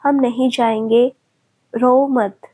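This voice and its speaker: A woman's voice: a little high, steady tone, takes it slowly, mellow. A woman narrator voicing a young female friend who scolds and coaxes with care. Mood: caring. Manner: scolding but caring.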